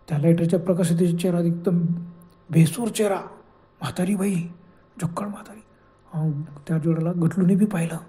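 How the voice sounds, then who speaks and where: A man's voice: on the high side, dark tone. A man narrating a horror story in a dramatic, suspenseful way.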